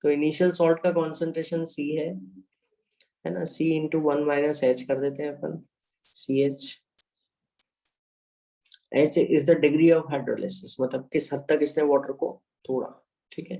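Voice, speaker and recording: This Indian-accented man teaches chemistry online, explaining equations one step at a time in Hindi sprinkled with English and pausing to check on his students. He has a slightly high, dark voice, captured on a rough recording.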